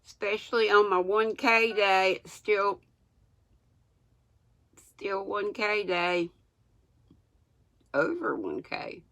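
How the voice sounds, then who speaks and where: A woman's voice: medium pitch, a bit bright. An older woman with a Southern US accent talks and reads aloud without her teeth in, her articulation slightly mushy, in a folksy, self-deprecating way. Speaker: host reading books aloud to viewers. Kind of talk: casual livestream chat and read-aloud.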